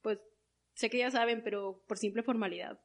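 A young Mexican woman with a fairly high voice tells a personal story in an interview. She is animated and acts out the voices of the people she quotes. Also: normal speed. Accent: Mexican Spanish. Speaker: guest.

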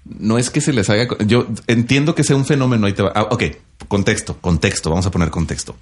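A young man with a northern Mexican accent and a somewhat low voice, talking loosely on a podcast he co-hosts. He works as a voice-over announcer and has a relaxed, joking way of talking. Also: fast. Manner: relaxed, joking, laughs often. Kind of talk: casual chat.

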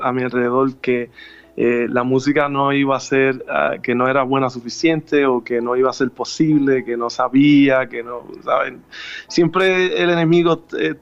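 In a radio interview, a gospel musician from Puerto Rico in his thirties talks hesitantly, restarting often and leaning on fillers. His accent is Puerto Rican Spanish, his mid-range voice sounds smooth, and the audio is dull.

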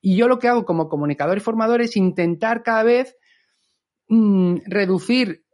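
High-voiced chatty man. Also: normal speed. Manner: lively, chatty, acts out quotes. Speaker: communicator and trainer. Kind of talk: podcast storytelling talk.

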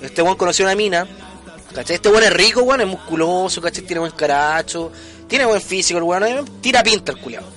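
Fast-talking Chilean man, high bright voice. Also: soft background music. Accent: Chilean Spanish. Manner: slangy, rapid storytelling, acts out voices. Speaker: podcast co-host. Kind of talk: casual storytelling chat.

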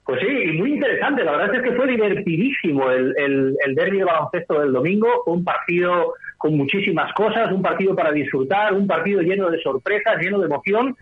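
A man's voice: sits high, expressive, a little fast, hardly any pauses. A man, a basketball commentator heard over a telephone line, analysing a game in long, fluent runs with rhetorical questions. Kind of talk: sports analysis over the phone on radio. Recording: tinny phone line.

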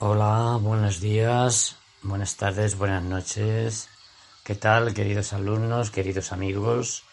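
Slow, soothing male yoga teacher from Spain. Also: on the low side, steady tone, gravelly, a little hiss or hum. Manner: soothing, unhurried, deliberate phrasing with pauses. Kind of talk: guided yoga class instruction.

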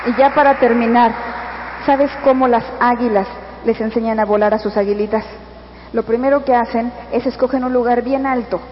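A motivational speaker with a Mexican Spanish accent addresses the listener directly in an earnest, coaxing speech at a convention hall. Her voice is on the high side, steady, and at normal speed, while the echoey hall recording sounds dull with faint noise.

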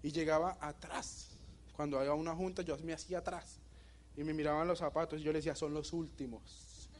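Young guy w/ bogota accent, kinda high voice, animated story for a crowd, faint hum behind. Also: fast. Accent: Bogotá Colombian Spanish. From Colombia. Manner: animated storytelling, asks the audience questions, laughs at his own jokes. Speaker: motivational speaker. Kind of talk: motivational talk to a live audience.

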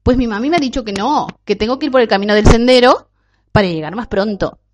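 A woman's voice: fairly high pitch, quick pace, noisy background, pitched above the performer's own voice, lightly acted. A woman voicing a sweet, eager little girl in a red cape for a storybook tale. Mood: innocent. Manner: bright, eager, childlike. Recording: dull lo-fi recording.

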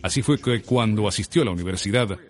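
A man reading a self-help audiobook in a measured, deliberate way. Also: fairly low pitch. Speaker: audiobook narrator. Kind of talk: scripted self-help narration. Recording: long reverb.

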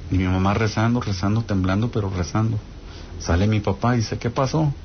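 Low-voiced Mexican man telling a ghost story. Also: fairly even intonation, brisk, muffled recording, slight background noise. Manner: talks straight to listeners with frequent "¿no?" check-ins. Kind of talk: casual spoken ghost story.

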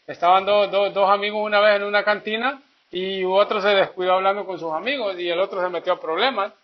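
Male preacher, high-pitched and chatty, on a muffled lo-fi recording. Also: fairly even intonation, fairly quick. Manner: folksy, tells jokes, keeps asking "¿verdad?". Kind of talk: sermon. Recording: dull lo-fi recording.

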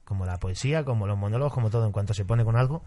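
A man from Spain, a stand-up comedian, chatting casually on a podcast and acting out quoted lines in a higher voice. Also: racing, warm tone.

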